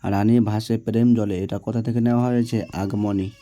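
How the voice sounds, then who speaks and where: A man with a low, mellow voice goes through exam answers question by question. He reads each question, gives the answer, and keeps asking whether it is clear. His tone stays flat and even, and the sound is dry and close. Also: normal speed, dry recording. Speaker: teacher.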